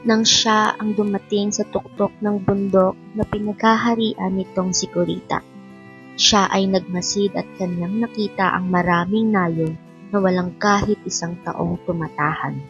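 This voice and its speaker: In a dull lo-fi recording with faint music in the background, a woman narrates an epic poem. Her mid-range voice keeps a steady tone and measured pace, delivered in a scripted, dramatic radio style.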